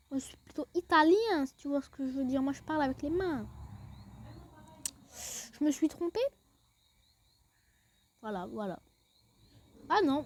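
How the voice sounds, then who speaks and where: A gaming video creator with a high-pitched, slightly bright voice gives a casual walkthrough of a game. She chats her way through it step by step, often saying "then" when she moves on.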